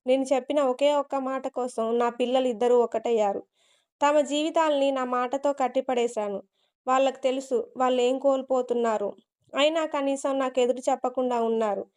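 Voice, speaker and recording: A stern, protective older father from a told story, who scolds harshly and commands. A woman reader voices him in her own high, clear voice. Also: darkish tone, close to an everyday voice.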